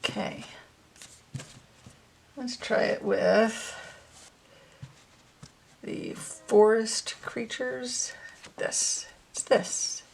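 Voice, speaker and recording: Gravelly-voiced woman unboxing tarot decks. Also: a little high, extremely slow, long pauses. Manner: relaxed, musing to herself while handling cards. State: a little out of breath. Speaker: tarot channel host. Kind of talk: casual unboxing chat.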